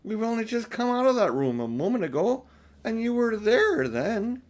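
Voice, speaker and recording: A man's voice: extremely high pitch, very animated, moderate pace, voice pushed up. A man voicing a sensible older girl in a storybook, a dismissive elder sister who scolds matter-of-factly.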